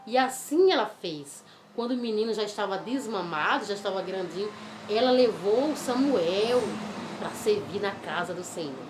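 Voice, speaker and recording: A woman telling a Bible story to children, animated and coaxing, asking the listener questions. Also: medium pitch, moderate pace, noisy background. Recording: roomy with faint music.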